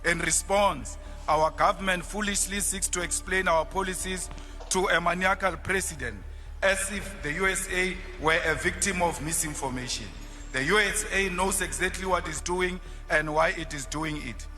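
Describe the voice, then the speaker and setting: A man makes a declamatory speech in parliament in a high, bright and forceful voice. A long reverb from the hall trails each phrase, and faint music sits underneath. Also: moderate pace. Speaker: politician.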